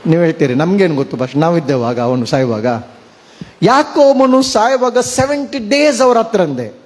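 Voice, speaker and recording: A man's voice: high voice, a little mellow. A man preaching a sermon, mixing in English words and asking his congregation questions. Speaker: pastor. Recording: long hall reverb.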